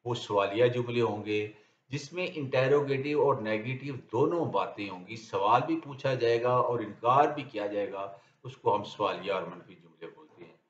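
A man with a Pakistani Urdu accent teaching English grammar in a lecture, reading his example sentences very slowly and deliberately. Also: medium pitch. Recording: dull, roomy lecture recording.

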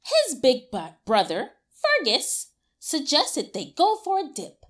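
A children's read-aloud teacher, a young adult woman, takes it slowly as she reads a storybook in an exaggerated, theatrical manner and encourages the kids to join in. Her high-pitched voice swoops wildly. The setting is a small, colorful, classroom-like indoor room.

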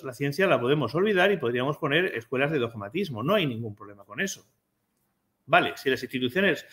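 A man's voice: on the high side, a bit bright. Impassioned man giving a seminar talk. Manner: impassioned, outspoken, with frequent restarts. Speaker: historian speaking at a seminar.

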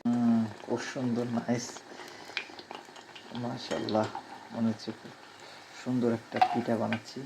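A man with a Sylheti Bengali accent talks through a home cooking vlog in a hushed, low-key voice. His voice is cracking from a cold, and his pitch stays flat and even. A faint hiss sits behind him. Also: measured pace, creaky, long pauses. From Bangladesh. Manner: speaks softly, hushed at night. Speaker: cooking vlogger. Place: home kitchen abroad.

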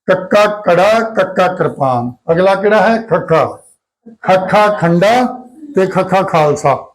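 ਇੱਕ ਪੁਰਸ਼ ਅਧਿਆਪਕ ਕਲਾਸ ਨੂੰ ਗੁਰਮੁਖੀ ਅੱਖਰ ਸਿਖਾਉਂਦਾ ਹੈ, ਧੀਰਜ ਨਾਲ ਅੱਖਰ ਦੁਹਰਾਉਂਦਾ ਹੈ ਅਤੇ ਬੱਚਿਆਂ ਤੋਂ ਜਵਾਬ ਬੁਲਵਾਉਂਦਾ ਹੈ।. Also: male voice, high-pitched, animated, slow, low-quality recording. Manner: patient, repeats letters and prompts pupils to answer. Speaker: Punjabi alphabet teacher. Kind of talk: classroom lesson with call-and-response.

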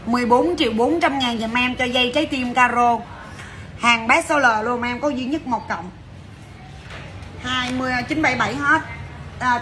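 High bright chatty saleswoman. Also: slight background noise. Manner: chatty, brisk, calls out to viewers. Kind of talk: fast livestream sales patter.

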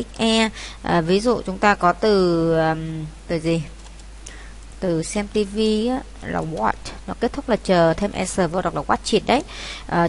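A woman's voice: medium pitch, vocal fry. A woman teacher from Vietnam patiently walking students through an exam, repeating key points as she goes. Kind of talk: exam walkthrough lesson.

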